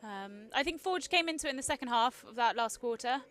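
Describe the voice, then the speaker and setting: A woman from Wales giving live color commentary, her voice a little high. She breaks down plays in a chatty way, with "um"s and quick reactions. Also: animated, a bit bright. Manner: chatty analysis with fillers and laughs. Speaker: color commentator, former player.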